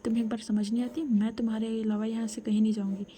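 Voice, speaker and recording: A protective young woman lays down the law in a firm, half-whispered voice, as a woman storyteller puts her on. Her tone stays mellow and low in brightness. She is read as a storybook character. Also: flat delivery, fast talker, natural voice.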